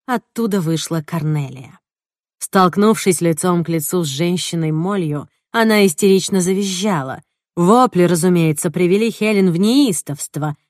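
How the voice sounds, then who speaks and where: A woman narrating a detective story in the first person, in a measured, wry reading. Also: fairly low pitch, darkish tone, no echo, clean studio sound. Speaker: audiobook narrator.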